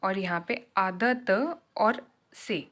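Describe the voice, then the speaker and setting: Unhurried woman sharing class notes. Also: mid-range voice, animated, fairly bright tone. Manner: unhurried, switching Hindi and English, self-correcting. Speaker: German learner teaching her class notes. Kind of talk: casual lesson.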